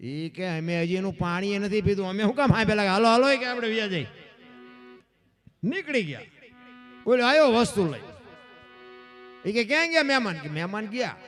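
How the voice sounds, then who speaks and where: A man's voice: normal speed, pauses often, soft background music. A man telling a folk tale in dayro style, acting out each character's lines. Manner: animated, acts out characters' lines with shifting pitch. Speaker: folk storyteller. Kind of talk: Gujarati folk dayro storytelling.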